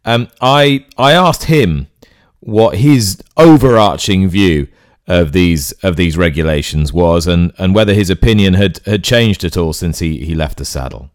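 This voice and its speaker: A male sports presenter introduces guests and poses questions in a clear, scripted broadcast manner. His voice is very deep. The sound is dry and close, with no room echo. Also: lively intonation, a little slow. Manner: clear, scripted link delivery. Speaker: racing presenter and interviewer.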